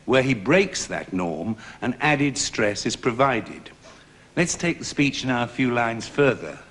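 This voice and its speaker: A man directing actors and explaining verse rhythm in a measured, precise way, sometimes tapping out beats. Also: mid-range voice, expressive, fairly bright tone. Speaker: director teaching verse speaking.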